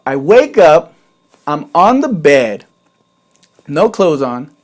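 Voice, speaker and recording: A man's voice: a little high, big pitch swings, takes it slowly, a little mellow. A man in his twenties telling a personal story in a casual monologue, chatty, with lots of "like" and swearing. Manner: chatty, swears often, fills with "like".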